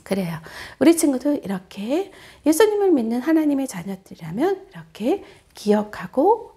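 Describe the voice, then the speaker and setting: A woman giving a children's sermon as a story. Her voice is high and bounces widely, and she keeps turning to the kids with questions. The delivery is animated and encouraging. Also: moderate pace. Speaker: children's ministry preacher.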